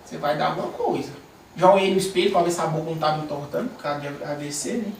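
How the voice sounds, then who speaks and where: A man's voice: fairly high pitch, rapid-fire, a little mellow. A man leading a small church cell group, giving an informal sermon with a personal testimony, telling it animatedly with frequent fillers and restarts. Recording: echoey room, distant mic, faint noise.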